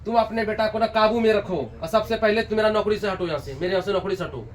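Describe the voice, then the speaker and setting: A man's voice: sits high, quick pace, recorded from a distance, lo-fi sound, lightly acted. A man voicing a rich, angry boss who dismisses his servant with stern orders. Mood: scolding.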